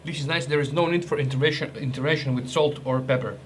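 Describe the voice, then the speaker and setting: A man with a slightly high, steady voice talks fast over slight background noise as he tastes rations in a casual food review vlog. A native Croatian speaker, he's chatty and jokey, with restarts and hesitations.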